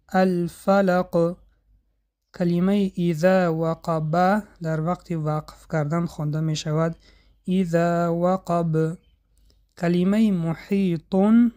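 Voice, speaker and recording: A tajweed teacher, explaining in a measured way and demonstrating letter sounds slowly and drawn out. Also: medium pitch, a little mellow. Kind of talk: instructional explanation.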